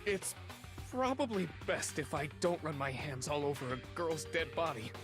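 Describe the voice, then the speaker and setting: A brash but uneasy teenage boy in an anime game. His pitch jumps around, with clear music underneath. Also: sing-song, normal speed. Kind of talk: dubbed anime game acting.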